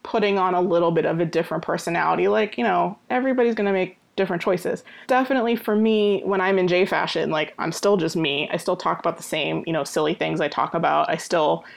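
Chatty woman guest, lowish voice. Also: fast, creaky, hardly any pauses. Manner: chatty, full of "like" and "you know" fillers. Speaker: podcast guest. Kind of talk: casual interview chat.

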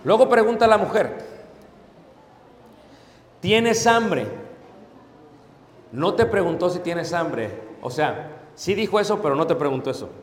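A man preaching a sermon on marriage to a congregation, acting out husband and wife exchanges with lively voices and asking the audience to agree. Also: sits high, a little slow, long pauses, slight background noise. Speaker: pastor. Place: church hall. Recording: echoey hall with long reverb.

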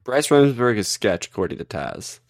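A man's voice: lowish voice, sing-song, normal speed, no room sound, studio quality. A man co-hosting a podcast, chatting casually and rambling with frequent self-corrections. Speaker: wrestling podcast co-host. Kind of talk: casual chat.

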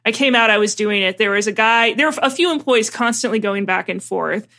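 A woman's voice: mid-range voice, brisk, sharp tone. A young woman co-hosting a podcast, chatting in dry, teasing banter. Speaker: podcast co-host. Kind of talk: casual chat.

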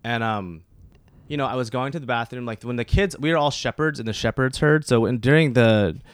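Podcast guest, male, thirties, from Oklahoma. Rambling, full of fillers, middle pitch, dry close sound. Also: fairly quick, clean tone, dry recording. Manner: rambling, with many fillers and restarts. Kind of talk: casual conversational interview.

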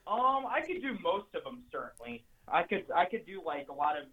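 A man's voice: high voice, big pitch swings, fairly quick, phone-quality sound. A man in his twenties, a guest calling in to a podcast, who talks in a hesitant, rambling way. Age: 20s. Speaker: guest caller. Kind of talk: casual chat.

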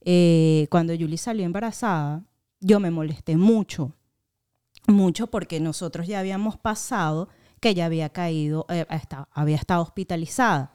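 A young woman with a Venezuelan accent, chatting on a podcast and spinning lively family anecdotes. Her voice is mellow and dark, with a smooth, clear tone. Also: fairly low pitch, moderate pace. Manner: animated storytelling, acting out family quotes. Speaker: podcast co-host. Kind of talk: casual chat.

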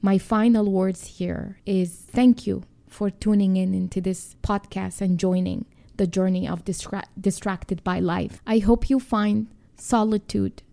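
A woman gently guiding a calm mindfulness and grounding exercise as a podcast host and coach, with a halting, instructive delivery. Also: medium pitch, gravelly.

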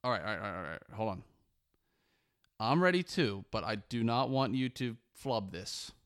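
A man's voice: on the low side, expressive, moderate pace, fairly bright tone, smooth. A man co-hosting a podcast, retelling a video playfully in casual chat. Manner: playful storyteller, swears casually. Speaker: podcast co-host.

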